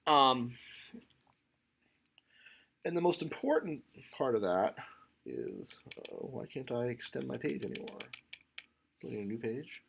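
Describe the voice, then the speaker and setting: Slow, casual male instructor lecturing. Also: medium pitch, huge pitch swings, gravelly, fairly bright tone, a little hiss or hum. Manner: casual, many fillers and restarts, thinking aloud. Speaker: computer science instructor.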